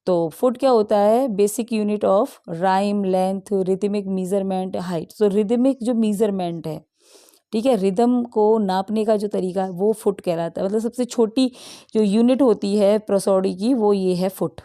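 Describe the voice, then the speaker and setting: A woman's voice: mid-range voice, warm tone. A woman English teacher, going through an exam practice set and explaining each answer in mixed with English. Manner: explains in Hindi mixed with English, reads options slowly.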